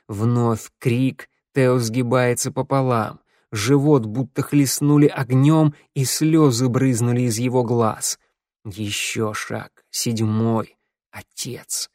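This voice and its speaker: A man reading an audiobook in slow, measured narration with dramatic pauses, recorded close in a studio. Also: mid-range voice, darkish tone, no room sound.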